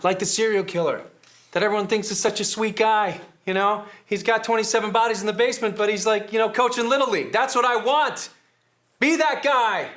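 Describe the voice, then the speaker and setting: A man's voice: high voice, fairly even intonation, brisk, a bit bright. Sarcastic man in a comedy sketch. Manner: sarcastic, mock-earnest, breaks into laughter. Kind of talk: satirical sketch acting.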